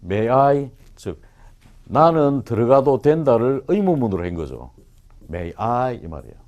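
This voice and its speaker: A man teaching English to a class of students, joking and firing quick questions at them. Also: medium pitch. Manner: animated and joking, quizzes the class. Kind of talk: lively classroom lecture.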